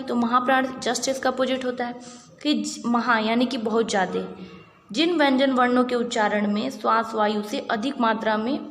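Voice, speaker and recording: A woman teaches a grammar lesson for exam preparation, her voice set a touch high. She talks patiently, repeats the key points and keeps asking whether her listeners follow. The room is echoey, with a long reverb tail and faint noise underneath. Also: a bit bright.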